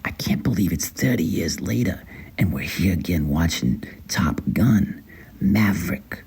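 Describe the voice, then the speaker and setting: Brief: male actor as reverent middle-aged male film fan, half-whispered monologue, husky, swooping pitch. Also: expressive, a little slow, darkish tone, full character voice. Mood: hushed awe. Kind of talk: acted monologue.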